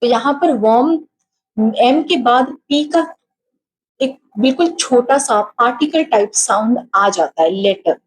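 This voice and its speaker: A woman with an Indian accent leads an exam-prep lesson, her voice sitting slightly high and her overall pace slow. She reads terms deliberately and then speeds up to explain, mixing Hindi and English, and she sounds tired after hours of talking. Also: animated, low-quality recording. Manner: mixes Hindi and English, slow when reading definitions, rapid when explaining. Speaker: teacher.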